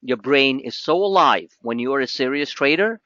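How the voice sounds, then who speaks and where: A middle-aged man hosting a trading webinar, talking in an animated, pushy salesman patter as he walks through charts. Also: mid-range voice, normal speed, no room sound, lo-fi sound. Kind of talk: live trading webinar talk.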